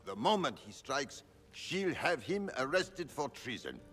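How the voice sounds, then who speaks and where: A man's voice: mid-range voice, very animated, measured pace, fairly bright tone, faint music behind. A man playing a flustered, humiliated conspirator in a video game, pleading dramatically, in heavy reverb. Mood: desperate, pleading. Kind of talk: video game dialogue acting. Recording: long hall reverb.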